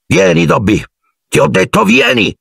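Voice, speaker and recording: A man voicing a cold, haughty aristocratic wizard in an audiobook, contemptuous and menacing, often low and quiet. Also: lively intonation, normal speed, slightly rough, no room sound, studio quality, exaggerated voice. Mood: angry. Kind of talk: audiobook character voice.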